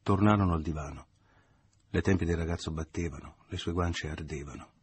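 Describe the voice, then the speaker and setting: Male audiobook reader, very deep and husky, measured literary narration. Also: a little mellow, no echo.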